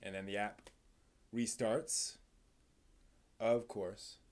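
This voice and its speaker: Speaking very slowly in a steady, fairly low and somewhat mellow tone, a man chats loosely on an informal anime live stream. He occasionally shifts into dramatic readings aloud.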